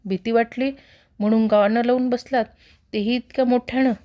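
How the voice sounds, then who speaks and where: A woman voicing a gruff but kind old man of about sixty who scolds curtly. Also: a little high, fairly even intonation, normal speed, warm tone, close to an everyday voice. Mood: scolding. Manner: scolding, curt.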